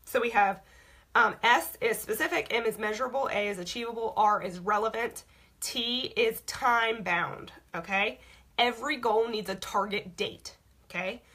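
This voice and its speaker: A young woman talks her team through goal-setting, blunt and chatty, tacking "okay?" onto her points. Her voice is bright but husky and wearing hoarse. She sounds like a leader coaching people she knows. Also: fairly high pitch, normal speed. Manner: frank, repeats "okay?" often. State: voice going hoarse. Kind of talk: casual instructional talk.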